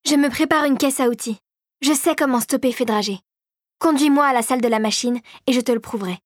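A woman narrating a storybook voices a bold young female inventor, brisk and insistent, pitching her voice up. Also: no echo, clean studio sound. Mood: determined.

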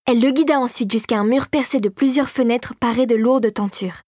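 A woman narrating a storybook in a measured, even manner, reading from a script. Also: fairly high pitch, no echo, clean studio sound. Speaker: audiobook narrator.

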